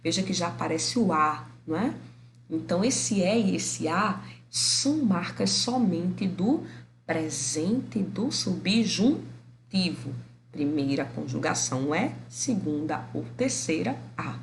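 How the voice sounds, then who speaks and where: A woman with a Brazilian Portuguese accent teaching a grammar lesson, affectionate with viewers and stretching out example words slowly to show the stress. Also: fairly low pitch, expressive, vocal fry, roomy sound, slight background noise, low-quality recording. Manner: affectionate, addresses viewers as "meu amor".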